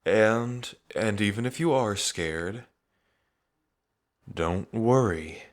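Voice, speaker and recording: A man with a lowish, expressive voice speaks very slowly, playing a cocky but tender young dragon king in his twenties. In an intimate ASMR roleplay he addresses the listener casually and hesitantly, his phrases trailing off. The mood is coaxing and reassuring.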